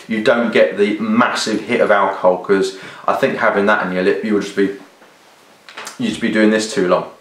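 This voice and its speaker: A British man giving a casual, rambling product review to camera, hesitating and often rephrasing as he goes. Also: fairly low pitch. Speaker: video reviewer. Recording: roomy, echoey sound.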